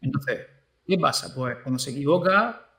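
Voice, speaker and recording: Animated schoolteacher man, echoey room. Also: medium pitch, normal speed. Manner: animated, acts out quoted speech to pupils. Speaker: teacher. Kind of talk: casual conversation.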